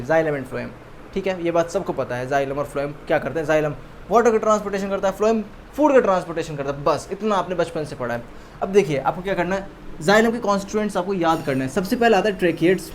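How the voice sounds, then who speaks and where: High-voiced Indian man teaching science. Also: slight background noise. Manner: repeats key terms, quizzes listeners with questions. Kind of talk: classroom lecture to students.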